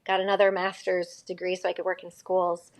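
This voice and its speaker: A woman on the low side of the pitch range speaks fairly quickly with a completely flat delivery. In her fifties and from Connecticut, she's a school psychologist chatting on a casual podcast, rambling and correcting herself.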